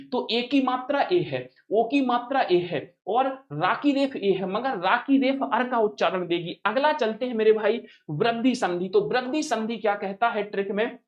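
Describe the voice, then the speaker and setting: Repetitive male grammar teacher, lo-fi. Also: high-pitched. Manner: drills points by repeating them, asks and answers his own questions; addresses viewers familiarly as brother. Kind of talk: exam-prep grammar lesson.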